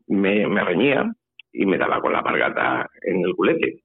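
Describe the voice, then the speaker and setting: A man's voice: low voice, very animated, moderate pace, gravelly, slightly rough. A man from Spain with a Spanish accent, telling a personal story as a guest in a phone interview, hesitant and repeating his words. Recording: tinny phone line with faint music.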